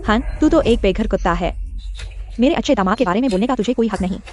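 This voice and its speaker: A middle-aged woman playing a proud, scolding mother in a dubbed drama, with a sharp tone. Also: medium pitch, animated, fast talker, a little hiss or hum, natural voice. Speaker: mother of the heroine.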